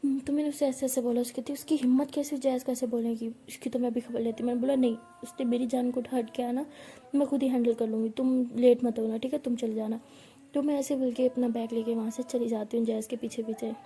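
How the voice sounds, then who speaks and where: A woman with a slightly high, dark-toned voice talks fast and evenly as she narrates her own love story. She's tender and intimate, acting out the dialogue herself by voicing both partners.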